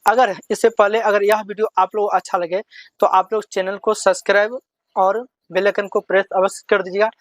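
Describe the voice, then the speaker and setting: A man's voice: sits high, flat delivery, no echo. Patient male teacher drilling letters. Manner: call-and-response, asks and answers himself; talks to children, slow and repetitive.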